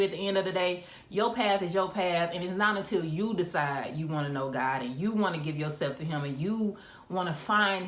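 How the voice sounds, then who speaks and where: A young woman vlogger telling a personal story in casual chat, candid and animated, with asides and laughs, recorded on a phone. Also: medium pitch. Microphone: phone camera. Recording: roomy echo.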